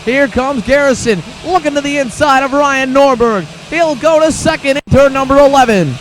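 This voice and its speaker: A man commentating live on a kart race, calling the action play-by-play in an excitable, urgent manner. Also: very high voice, moderate pace, a little hiss or hum, poor audio. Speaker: motorsport commentator.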